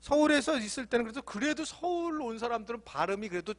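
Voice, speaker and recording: A man's voice: very high-pitched, lively intonation, fast. A male pastor preaching a sermon in a church, playful and often laughing.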